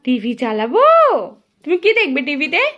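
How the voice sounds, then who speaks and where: A young woman with a Bengali accent filming her small son for a family vlog, coaxing him in a playful sing-song and dropping to hushed asides. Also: high-pitched, sing-song, normal speed. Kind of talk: casual family vlog narration and talk to a child.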